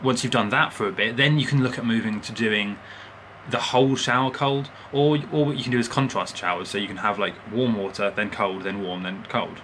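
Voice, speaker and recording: A man's voice: on the low side, brisk, fairly bright tone, a little hiss or hum. A man in his twenties giving casual, explanatory health advice straight to camera in a bedroom, informally checking in with the listener as he goes. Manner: informal, explanatory, frequently checks in with "right?" and "okay?". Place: small bedroom, indoors. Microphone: camera at arm's length on a desk.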